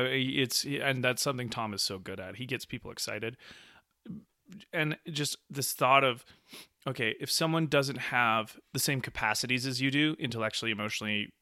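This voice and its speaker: A man's voice: medium pitch, pushed and bright, no room sound, clean studio sound. A man in a casual book discussion, enthusiastic, often laughing and acting out quoted lines. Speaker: discussion co-host.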